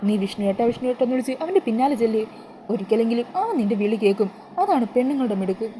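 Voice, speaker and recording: A woman's voice: fairly high pitch, lively intonation, rapid-fire, dark tone, slight background noise, natural voice, poor audio. A woman voicing a scheming, blunt female friend who lectures and pushes. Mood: lecturing.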